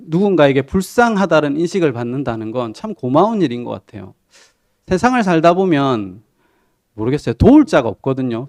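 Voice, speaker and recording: A pastor preaches a sermon in a church sanctuary, telling it conversationally as a story and asking the congregation questions. He retells a TV drama, quoting its lines. His voice is on the high side and a little mellow, captured in a dry, studio-quality recording.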